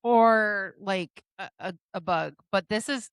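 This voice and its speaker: A woman co-hosting a podcast in casual chat, animated and quick to exclaim. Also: mid-range voice, smooth, no room sound, clean studio sound. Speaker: podcast co-host.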